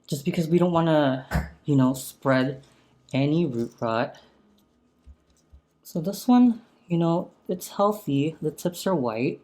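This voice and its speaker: A man talking casually while repotting a houseplant at home, gently enthusiastic, speaking into a sensitive close mic turned up for ASMR. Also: a little high, animated, takes it slowly, pauses often. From San Francisco area. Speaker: plant vlogger. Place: home room with a chandelier.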